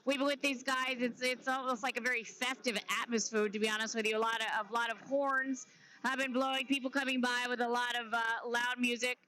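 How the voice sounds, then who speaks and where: Brief: high, bright female field reporter, live on the street, chatty and slightly winded. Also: flat delivery, poor audio. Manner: conversational, halting with fillers. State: slightly out of breath. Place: outdoors on a city street during a march.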